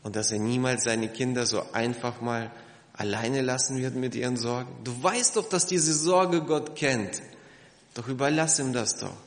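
A man preaching a sermon to his congregation, lively and emphatic, asking rhetorical questions. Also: medium pitch, moderate pace, echoey room, big-room sound. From Germany. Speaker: pastor.

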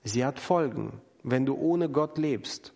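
A man's voice: mid-range voice, slow, gravelly, darkish tone. A man preaching an earnest, emphatic sermon, acting out the people he quotes. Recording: long hall reverb.

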